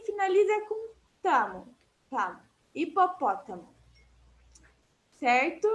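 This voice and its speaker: Brazilian teacher lady, high voice, talks slow and patient, repeats words for the class over a call. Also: fairly bright tone. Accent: Brazilian Portuguese. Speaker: Portuguese teacher. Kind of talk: online class explaining vocabulary. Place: online class.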